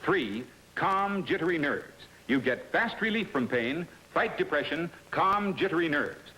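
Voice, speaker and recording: A man's voice: fairly high pitch, lively intonation, unhurried, pushed and bright, husky, poor audio. A man announcing a 1950s commercial in a chipper, emphatic, punchy salesman style.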